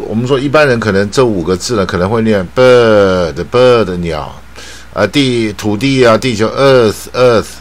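A man with a Taiwanese Mandarin accent teaching an English pronunciation lesson, drawing out model words slowly and dotting his talk with filler particles. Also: fairly low pitch.

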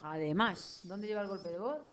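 A woman's voice: medium pitch, moderate pace. A woman teacher giving a one-on-one spelling lesson, patiently prompting and repeating each word back.

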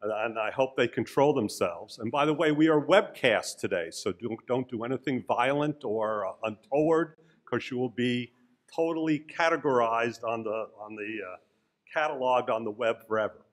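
A man's voice: medium pitch, normal speed. A man moderating a panel from a podium mic in a conference room, joking and rambling with uhs as he introduces the speakers. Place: conference room on Capitol Hill. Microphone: podium microphone.

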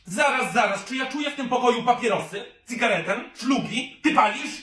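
A man's voice: extremely high pitch, animated, a little fast, sharp tone, distant mic, a little hiss or hum, pitched above the performer's own voice, full character voice. A man playing a nosy mother who interrogates her daughter, sugary at first and then accusing, in an echoey room. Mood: suspicious. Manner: sweet then prying and accusing.

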